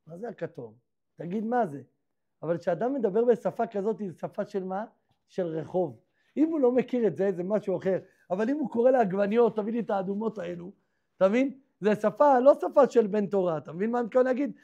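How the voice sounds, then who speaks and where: A man, a rabbi, tells a story in a sermon, constantly asking rhetorical questions and acting out the characters' lines. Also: high-pitched. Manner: acts out the characters' dialogue in lively voices. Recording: dull lo-fi recording.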